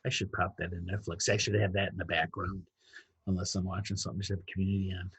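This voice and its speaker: Laid-back guy on a zoom podcast, kinda husky voice, laughs a lot. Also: sits low, little pitch movement, fast, a bit bright. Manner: laughs often, easygoing. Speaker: podcast co-host. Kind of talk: casual chat over video call. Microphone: video call.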